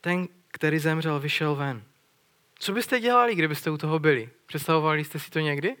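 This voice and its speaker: A man's voice: on the high side, fairly bright tone. A man preaching a sermon in an earnest way, retelling a scripture story and putting questions to his listeners.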